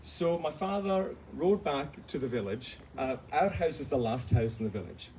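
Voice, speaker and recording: A guest author from the Outer Hebrides, Scotland, speaks on stage at a bookshop event, recounting a family tale in his Hebridean accent with chuckles and self-deprecating humor. His expressive mid-range voice has a dark tone and a moderate pace. Recorded on a distant mic with a live audience, there is slight background noise.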